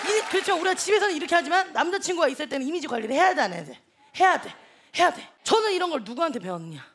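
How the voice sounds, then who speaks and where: Guy doing a loud show-off lady lecturer, squeaky high and gravelly, crowd roaring behind. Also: very animated, racing, exaggerated voice. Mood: brash. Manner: loud, bragging, teasing the audience. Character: brash chatty young female online-lecture teacher. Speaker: comedian in a sketch. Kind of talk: live sketch comedy. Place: TV comedy stage. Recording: studio audience laughter and noise.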